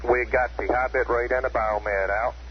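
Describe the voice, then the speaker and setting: Guy at mission control, flat delivery, muffled radio with clear static, procedural calls. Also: medium pitch, normal speed. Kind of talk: procedural spaceflight radio communication. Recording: noisy, muffled archival space radio link.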